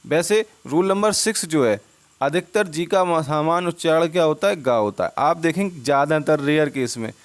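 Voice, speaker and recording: A man with a slightly raised voice talks through a spelling lesson over slides. He poses a question, then gives the answer himself, saying each word twice in a patient, drilling way. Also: fairly high pitch. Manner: asks questions and answers them himself, repeats words. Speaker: English teacher. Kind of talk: Hindi-language spelling lesson.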